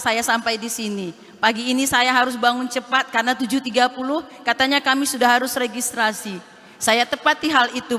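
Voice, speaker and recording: A woman from Aceh makes a formal appeal on stage in a high, bright voice, pleading and addressing the official again and again. Her handheld mic rings out through a large hall with a long reverb tail. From Aceh, Indonesia. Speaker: head of a regional social services office. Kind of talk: formal appeal at a national meeting.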